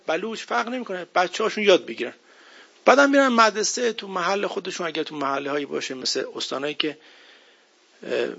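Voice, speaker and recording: A man's voice: a little high, vocal fry, a bit bright. A man giving a religious sermon in an emphatic, conversational way, often asking rhetorical questions. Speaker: preacher. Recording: dull lo-fi recording.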